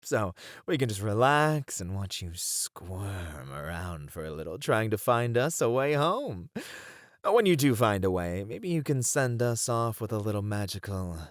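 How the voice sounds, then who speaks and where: A performer plays a playful, smugly flirtatious demon in an ASMR roleplay, drawling in a theatrical, teasing way with an amused air. The medium-pitched voice has a sing-song lilt and moves a little slowly. The studio recording is clean, with no echo.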